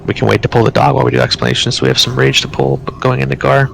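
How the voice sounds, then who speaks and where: A man leading an online game raid, explaining tactics and then calling quick commands. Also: mid-range voice, fairly even intonation, vocal fry, fairly bright tone, low-quality recording. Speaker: raid leader. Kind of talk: live game commentary.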